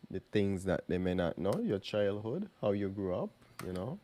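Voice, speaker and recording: A man's voice: fairly low pitch, sing-song, moderate pace, dark tone, a little hiss or hum. A man hosting a casual interview, prompting his guest in a conversational way. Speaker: interviewer, host.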